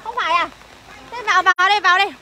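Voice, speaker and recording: A young woman selling used cars on a livestream, talking briskly as she reels off prices and calls out to viewers. Her voice is very high and bright. Faint outdoor noise and passing traffic sit behind her. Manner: brisk sales patter, reels off prices and addresses viewers as "anh". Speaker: used car seller livestreaming. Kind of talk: live sales stream, reading out prices and greeting viewers. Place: outdoor used car lot.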